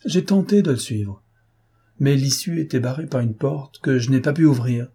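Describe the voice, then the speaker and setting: A man reading the part of an ironic, self-assured gentleman thief in an audiobook, composed and teasing. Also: mid-range voice, normal speed, breathy edge. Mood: arguing.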